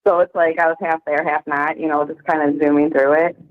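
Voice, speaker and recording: A woman's voice: deep voice, little pitch movement, brisk. A woman on a recorded prison phone call, talking in an easygoing way with frequent laughs and fillers. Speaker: friend on the outside. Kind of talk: casual phone chat.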